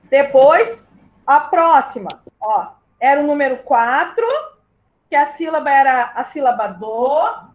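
High-voiced gaúcho teacher on a muffled call. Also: female voice, lively intonation. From southern Brazil. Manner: patient, spells out syllables slowly, calls pupils "my love". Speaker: primary school teacher. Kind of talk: online literacy class for young children.

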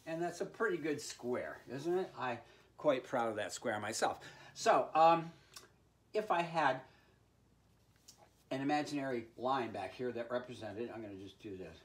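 A man's voice: medium pitch, expressive, normal speed. A man in his sixties giving an informal, folksy drawing lesson for kids, playfully dropping in little sound words as he demonstrates. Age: 60s. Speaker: art teacher hosting a drawing tutorial channel for kids. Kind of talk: informal instructional talk while drawing. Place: indoor room with art on the wall.

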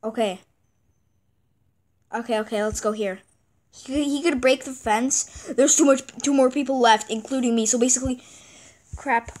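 Excitable high-voiced woman gamer. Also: moderate pace, long pauses. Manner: excitable, repeats exclamations, restarts words. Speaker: gaming channel host. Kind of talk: casual gameplay commentary.

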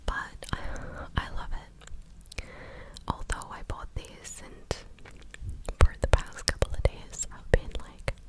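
A woman in her twenties chatting casually in a breathy, close-up ASMR whisper, right up at the microphone as if into the listener's ear. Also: poor audio. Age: 20s. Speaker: ASMR content creator. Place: living room indoors. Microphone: large USB microphone very close to the mouth.

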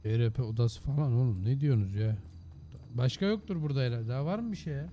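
Hoarse, foul-mouthed male game streamer. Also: mid-range voice, animated, fast, slight background noise. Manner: loud, joking and heavily profane. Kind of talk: casual gaming livestream commentary.

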